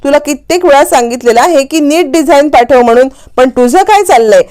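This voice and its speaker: A woman puts on a short-fused young businessman in a retold TV drama. He scolds and complains in a raised, high voice, irritated the whole time. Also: fairly quick, darkish tone, lightly acted. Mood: angry. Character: angry young male businessman scolding staff.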